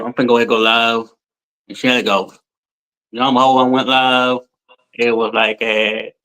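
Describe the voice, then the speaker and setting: Over a video call, a guest in his forties shares his story in a loose, colloquial way, wandering off and repeating himself. He speaks at medium pitch with a fairly bright tone, though the audio is poor.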